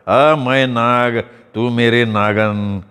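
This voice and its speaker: A man voicing a drunk male snake charmer who drawls his words slowly and slurred. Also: mid-range voice, fairly even intonation, fairly bright tone, clean tone. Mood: slurring taunts. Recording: long reverb.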